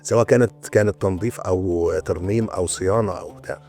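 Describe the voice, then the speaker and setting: A man in his sixties with an Egyptian Arabic accent, a retired antiquities restorer explaining his craft in a casual interview, often pausing and restarting mid-sentence. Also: sits low, darkish tone, faint music behind. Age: 60s. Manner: storytelling, explaining with many hesitations and restarts.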